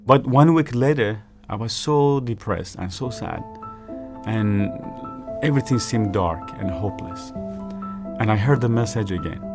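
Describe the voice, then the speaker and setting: Low-voiced man. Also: animated. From Iran. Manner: earnest, measured storytelling. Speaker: evangelist. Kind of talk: personal faith testimony. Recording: music playing underneath. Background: background music.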